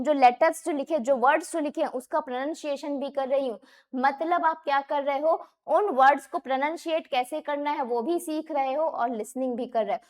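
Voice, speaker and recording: High-voiced woman teaching exam prep. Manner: explains, repeats terms, asks and answers own questions; reads English questions slowly, then explains in Hindi.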